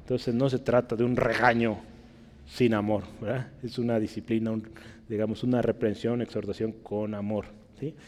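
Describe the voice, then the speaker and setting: A man teaching a Bible class in Spanish, checking in with his listeners and spelling out Greek words slowly. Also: fairly low pitch, level tone, a little mellow, big-room sound. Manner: checks in with listeners, asking "¿verdad?" and "¿sí?".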